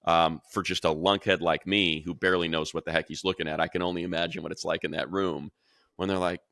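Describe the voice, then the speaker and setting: A male radio play-by-play announcer and co-host talks football on a casual podcast, his deep, bright, gravelly voice full of excitement. He speaks rapidly and rambles, packing in fillers and restarts, and the studio-quality audio has no echo.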